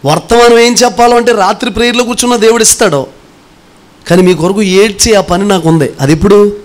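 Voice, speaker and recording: A middle-aged male pastor preaches a sermon in a high voice, talking fairly quickly. He earnestly presses rhetorical questions on his congregation, swinging between forceful and hushed delivery.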